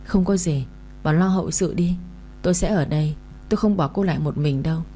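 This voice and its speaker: A woman voicing a cold, possessive young male doctor who talks in short, calm lines. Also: low-pitched, fairly quick, slight background noise. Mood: cold, curt.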